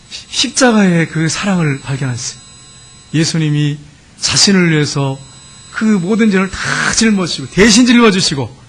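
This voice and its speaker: A man preaching a sermon as a pastor, telling a story to his congregation and slowly reciting love poems with fervor. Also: a little high, a little hiss or hum.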